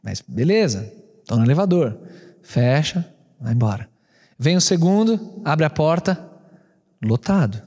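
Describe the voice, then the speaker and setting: São Paulo pastor, 30s, high-ish voice, animated storyteller, reverberant church hall. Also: male voice, measured pace, pauses often, breathy edge. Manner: animated, acts out both sides of a quarrel. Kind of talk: storytelling sermon.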